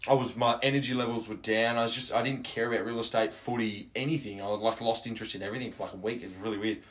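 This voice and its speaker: A man's voice: lowish voice, racing. A young man co-hosting a casual chat podcast, telling stories with lots of laughter. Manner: laughs often, animated storyteller. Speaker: podcast co-host, real estate agent.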